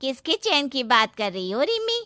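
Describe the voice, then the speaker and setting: A woman's voice: high voice, sing-song, moderate pace, no room sound, heavily acted. A woman voicing a caring mother in a cartoon who scolds yet comforts her son affectionately. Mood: motherly. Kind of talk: cartoon voice acting. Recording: loud background noise.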